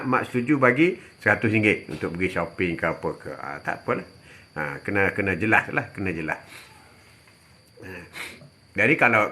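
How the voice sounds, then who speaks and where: An older Malaysian religious teacher answers viewers on a live stream with chatty religious advice, repeating phrases and frequently tossing in a quick "ha". His voice is mid-range with a sharp tone.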